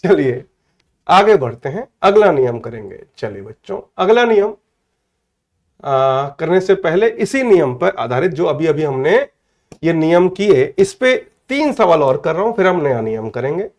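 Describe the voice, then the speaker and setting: A man with an Indian accent teaching an online English grammar class, calling students by name, checking they follow, and saying English phrases slowly word by word. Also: on the high side, big pitch swings, a little mellow. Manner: addresses students by name, asks "clear?" often; mixes Hindi with slow, spelled-out English.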